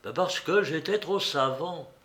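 A man's voice: fairly high pitch, expressive, a little slow, a bit bright. A man playing a sly, boastful old hanger-on. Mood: sly boasting.

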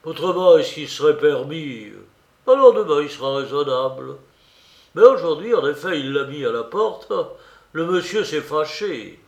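A male narrator voicing a boisterous, drunk young student in an audiobook, loud and blustering. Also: a little high, lively intonation, normal speed. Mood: drunken blustering. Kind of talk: audiobook character reading. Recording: roomy recording.

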